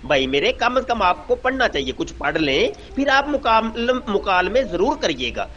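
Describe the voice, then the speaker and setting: A man's voice: sits high, very animated, bright, forceful tone. A man with a Punjabi accent, lecturing an opponent in a scornful, condescending tone over a voice message. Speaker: debate group host. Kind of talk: voice-message debate. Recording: dull lo-fi voice message.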